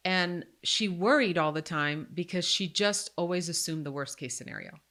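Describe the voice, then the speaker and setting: A woman in her forties, originally from Croatia, hosts a casual podcast chat. Her voice sits a little low but sounds bright and forceful. She talks candidly and pokes fun at herself. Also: normal speed. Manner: candid, self-deprecating and joking. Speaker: podcast host.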